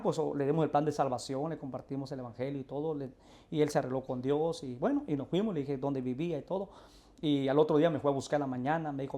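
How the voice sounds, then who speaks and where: Earnest pastor. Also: male voice, on the high side, mellow. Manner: earnest storyteller, acts out quoted dialogue. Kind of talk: telling a personal testimony.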